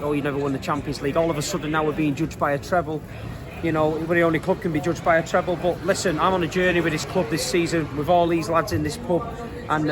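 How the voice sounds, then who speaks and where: A man with a Manchester accent giving a casual, earnest interview as a football fan, using colloquial, emphatic phrasing. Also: on the high side.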